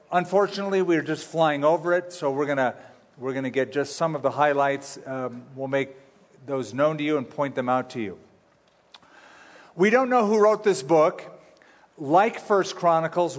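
A man preaching as a pastor at a pulpit microphone, teaching from the Bible in a conversational, explanatory way. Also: fairly high pitch. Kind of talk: sermon, expository Bible teaching. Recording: echoey large hall with long reverb.

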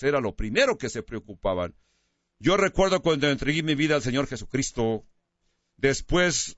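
Male pastor, sermon, slow emphatic stresses, dull dry sound. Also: fairly high pitch, a bit bright, no echo. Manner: preaches with slow, emphatic stresses on key words.

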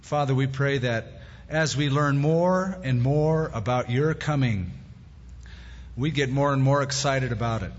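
A pastor preaches a sermon at a pulpit microphone in a church sanctuary, speaking conversationally with plain-spoken asides. His voice is mid-range and measured in pace, and the recording is echoey with dull lo-fi sound.

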